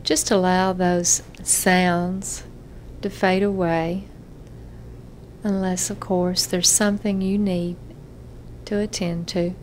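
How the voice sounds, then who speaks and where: Her voice low-ish with little pitch movement, a woman therapist delivers a guided self-hypnosis relaxation, speaking gentle, measured instructions with plenty of pauses. Slight background noise is audible.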